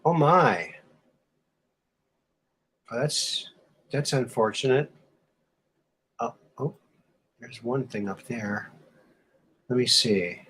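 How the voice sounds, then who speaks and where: A man's voice: mid-range voice, expressive, takes it slowly, pauses often, fairly bright tone, husky. A man's voice on a choppy livestream, robotic and cutting out. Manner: apologetic, chatty. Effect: choppy, robotic livestream audio dropping out. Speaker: livestream show host. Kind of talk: casual chat.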